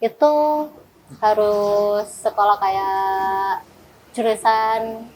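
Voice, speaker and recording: A woman's voice: mid-range voice, little pitch movement, extremely slow, darkish tone, a little hiss or hum, rough recording. A young woman in her twenties, a student guest, explaining things in a friendly, casual way. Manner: friendly, answers in long explanations. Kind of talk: casual interview chat.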